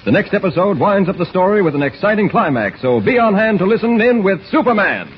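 A man's voice: high-pitched, big pitch swings, fast. A man narrating an old radio show serial in a suspenseful, theatrical 1940s style, heard on a dull vintage transcription with faint hiss. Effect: old radio show broadcast.

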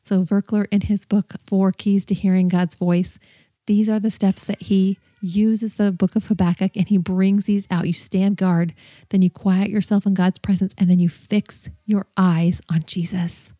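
A woman's voice: mid-range voice, flat delivery, a little slow, warm tone, no echo, clean studio sound. A woman hosting a devotional podcast, teaching and telling stories in an earnest, encouraging way. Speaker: podcast host teaching on prayer journaling.

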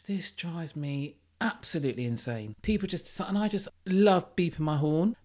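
Loud, chatty British podcast host. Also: medium pitch. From United Kingdom. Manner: chatty, blunt and self-mocking, with a naturally loud voice. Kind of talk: casual solo podcast monologue.

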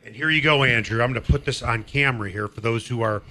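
Speaking fast in a bright, forceful mid-range voice, a man hosts a sports radio talk show from the studio. The chat is casual and enthusiastic, and he also reads sponsor spots.

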